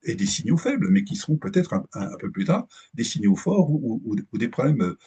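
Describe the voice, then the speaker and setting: Man presenting to a room, lively pitch, dark voice, very husky, halting restarts. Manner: hesitant, many restarts and fillers, animated. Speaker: speaker at a business breakfast talk. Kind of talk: live presentation to an audience.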